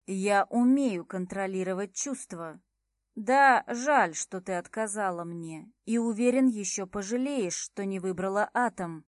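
A woman's voice: mid-range voice, a little slow, no echo, studio quality, lightly acted. Woman reading as a cold, manipulative man. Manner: smooth and level, with hidden menace. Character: cold, manipulative adult man, a controlling curator.

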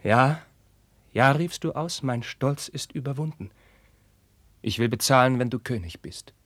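An actor playing an anguished young prince, declaiming verse in a 1950s radio drama and swinging from hushed whispers to outbursts. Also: male voice, deep voice, fairly even intonation, moderate pace, husky, dry recording. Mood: impassioned. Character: young anguished prince, passionate, tormented by forbidden love.

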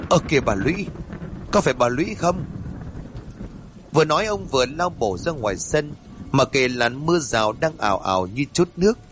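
A man narrating a ghost story in a dramatic, drawn-out reading. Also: mid-range voice, a little hiss or hum. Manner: dramatic, slow and drawn-out in tense passages.

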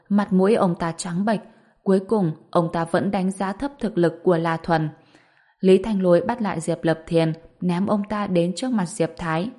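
A woman with a fairly low voice narrates a serialized novel. Her delivery is steady and story-like, and she raises her voice for the characters' dialogue. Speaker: audiobook narrator.

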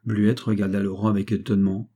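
Husky, dark-voiced male audiobook narrator. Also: fairly low pitch, level tone, fairly quick, highs cut off. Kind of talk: scripted literary narration.

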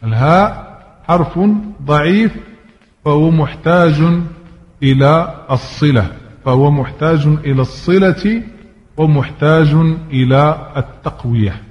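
A man's voice: on the high side, a little slow, big-room sound, dull audio. A man teaching Quran recitation rules, repeating each example word several times and sometimes chanting verses.

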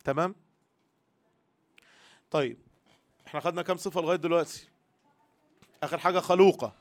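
Egyptian male religious teacher, high-pitched, earnest, voices the listeners' thoughts as his own. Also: a little fast. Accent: Egyptian Arabic. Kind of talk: religious lesson to women.

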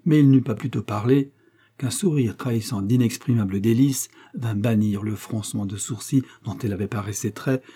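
Very dark, husky man narrating. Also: fairly low pitch, moderate pace. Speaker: audiobook narrator. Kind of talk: scripted narration.

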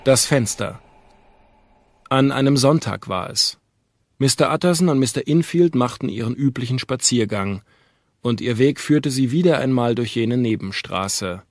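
A man reading an audiobook in a measured, calm storytelling manner. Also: mid-range voice, no room sound. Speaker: audiobook narrator. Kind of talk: scripted narration.

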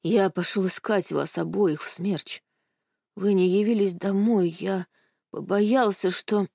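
A woman's voice: mid-range voice, fairly even intonation, slow, gravelly, mellow, no echo, clean studio sound. A woman playing a grieving furious father. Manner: accusing, then broken and faltering.

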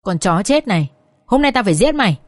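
A woman's voice: lively intonation, normal speed, no echo, studio quality, natural voice. A woman playing a furious scheming mother-in-law. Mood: raging. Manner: shrill, scolding, cursing.

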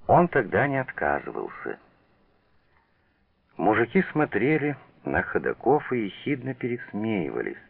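A deep, gravelly man reads a novel aloud for radio, measured yet expressive, with a pitch that rises and falls widely. The sound is narrow and tinny, like an old broadcast heard over a phone line. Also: no echo. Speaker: narrator. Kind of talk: literary reading for radio.

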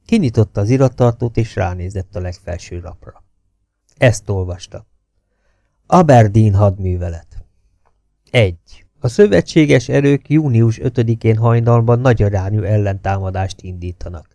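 Gravelly dark-voiced male audiobook narrator. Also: lowish voice, no echo. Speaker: audiobook reader. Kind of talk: scripted novel narration.

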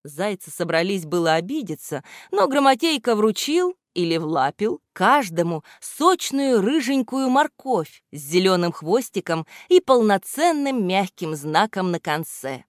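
A woman reading a children's storybook aloud with expressive narration. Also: medium pitch, unhurried, hardly any pauses, no echo, studio quality.

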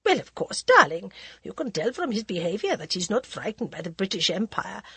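A woman reading aloud voices a theatrical high-society lady who gushes and calls everyone darling. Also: very animated, brisk, bright, forceful tone, slightly rough, no room sound, exaggerated voice. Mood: gushing gossip.

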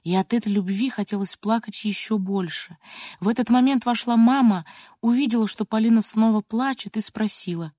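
A woman reading an audiobook aloud, expressive and lively. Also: fairly high pitch, moderate pace, no room sound, studio quality. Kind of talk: audiobook narration.

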